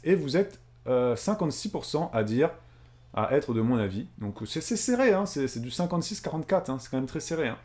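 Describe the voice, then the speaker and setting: A man's voice: mid-range voice, a little mellow. A man from Réunion co-hosting a casual live stream, reading viewer comments and answering them earnestly, thinking aloud in long winding sentences. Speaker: streamer and co-host.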